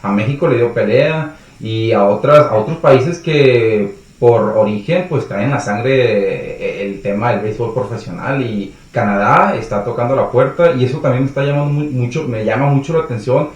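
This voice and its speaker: A man's voice: medium pitch, moderate pace, hardly any pauses. A man hosting an interview, asking questions in a conversational way with many fillers. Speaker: host. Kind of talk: casual interview. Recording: echoey room, mic far off.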